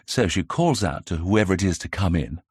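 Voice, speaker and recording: A man voicing a young 1920s gentleman amateur detective in an audiobook, brisk and self-assured as he theorizes. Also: low voice, animated, slightly rough, no room sound, clean studio sound. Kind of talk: audiobook character reading.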